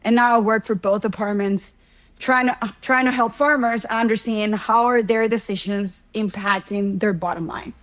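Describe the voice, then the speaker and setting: A woman's voice: mid-range voice, steady tone, moderate pace, rough recording. Woman from Ecuador, explaining steadily. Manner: explanatory, uses fillers and examples. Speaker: guest, horticulture economics professor. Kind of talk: conversational interview answers.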